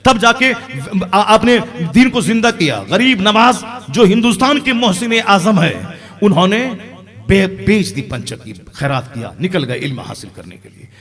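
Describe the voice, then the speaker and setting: A man preaching an impassioned sermon as an Islamic preacher, rising to loud emphatic peaks. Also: high-pitched, very animated, measured pace.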